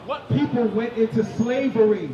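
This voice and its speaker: A high-voiced man preaching on a busy street and shouting his points again and again. He is picked up from a distance, with a crowd around him. The sound echoes. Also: normal speed, highs cut off. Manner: forceful, often shouting, repeats himself. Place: outdoors on a city street.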